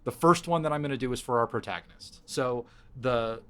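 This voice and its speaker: A man talks through his ideas in casual podcast chat, circling back and restarting his sentences as he works them out. His voice sits at an ordinary middle pitch. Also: fairly quick, sharp tone, clean tone. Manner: rambling, thinking aloud with frequent restarts. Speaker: podcast host pitching a story.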